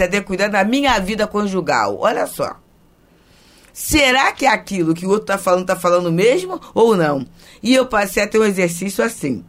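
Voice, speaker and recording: A woman who is a spiritist medium, telling a personal story in a measured, thoughtful, teaching tone. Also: medium pitch.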